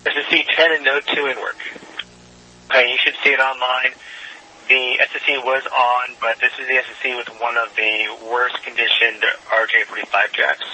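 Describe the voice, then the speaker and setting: Slightly noisy space radio, male astronaut, piercing bright tone, informal procedural replies. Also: medium pitch, flat delivery, normal speed. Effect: space radio transmission. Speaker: astronaut crew member.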